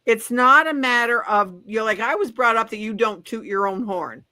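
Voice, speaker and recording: A woman's voice: on the high side, moderate pace, pushed and bright. A woman in her seventies co-hosting a wellness talk show, upbeat and emphatic, often agreeing. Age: 70s. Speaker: co-host, wellness coach. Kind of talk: casual talk-show chat.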